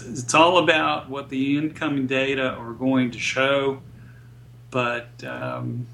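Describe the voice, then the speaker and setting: A man speaking as a guest economist in an interview, explaining data in a measured, deliberate way. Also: medium pitch, gravelly, a bit bright, slight background noise.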